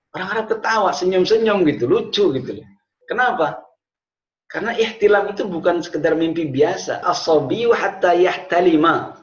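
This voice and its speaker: Male teacher, fairly high voice, lively storytelling, dull lo-fi echoey recording. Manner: lively storyteller, mixing in Arabic phrases. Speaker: Arabic teacher. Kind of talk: online class lecture. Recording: echoey, dull lo-fi room sound.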